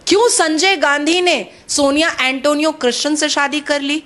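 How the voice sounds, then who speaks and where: A woman's voice: high-pitched, steady tone, normal speed, a bit bright. A woman commentator speaking pointedly, pressing the listener with a series of questions.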